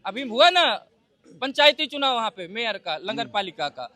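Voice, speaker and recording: A man's voice: very high voice, sing-song, moderate pace, sharp tone, no echo. A male reporter interviewing people, nodding along with short affirmations and prodding with pointed questions. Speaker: street reporter. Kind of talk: street interview.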